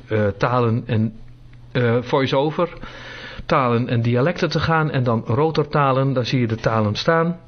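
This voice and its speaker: A man giving a casual spoken demonstration to a small group, hesitating often with filler sounds. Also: mid-range voice. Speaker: presenter demonstrating phone features to a group. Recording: dull lo-fi recording.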